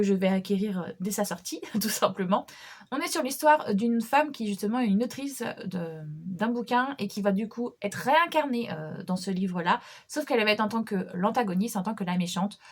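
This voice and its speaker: Chatty young woman talking about books. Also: a little high. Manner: chatty, many fillers and restarts, light laughs. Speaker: book vlogger. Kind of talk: casual chat about books.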